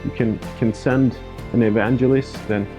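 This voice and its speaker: Interviewed for a personal documentary, a Swedish countryside pastor and church planter in his thirties talks earnestly in native Swedish with a Swedish accent. He speaks at normal speed in a mid-range, fairly even voice, with music underneath.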